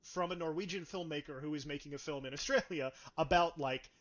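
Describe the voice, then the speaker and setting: A man reviewing a film in casual chat, ranting with sarcastic, animated delivery. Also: fairly high pitch, a little fast, lo-fi sound, a crowd in the background.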